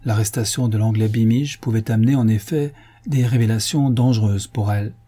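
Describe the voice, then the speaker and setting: Husky male audiobook narrator. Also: fairly low pitch, steady tone, fairly quick, warm tone. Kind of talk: scripted narration.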